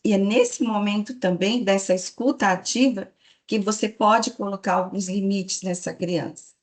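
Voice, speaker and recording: A woman's voice: mid-range voice, moderate pace. A woman giving a lecture to a live audience, explaining patiently and checking in with the listeners. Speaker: speaker giving a parenting talk to staff.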